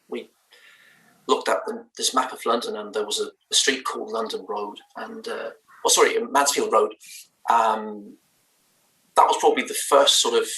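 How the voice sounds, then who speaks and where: A native Danish man from Denmark, the band's lead singer, answers questions in a remote interview, speaking English with a Danish accent. He's thoughtful and hesitant, full of fillers and restarts. His medium-pitched voice is bright and forceful, but the mic is distant and the recording rough and roomy.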